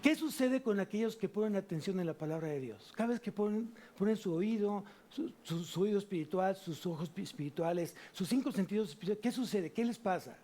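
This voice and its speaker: A man preaching a sermon in church, animated, asking the congregation rhetorical questions and answering them himself. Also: sits high, brisk, few pauses. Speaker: pastor.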